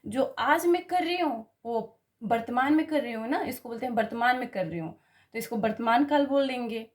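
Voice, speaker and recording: A high-pitched woman gives a basic grammar lesson. She explains patiently, spells words letter by letter, and keeps checking that the class follows. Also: expressive, moderate pace. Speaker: teacher.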